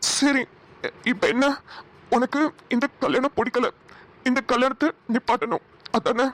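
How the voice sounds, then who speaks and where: A performer voicing a patient young groom who talks softly and reassuringly in a cartoon. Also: high-pitched, a little slow. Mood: gentle. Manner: soft, reassuring speech. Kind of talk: cartoon voice acting.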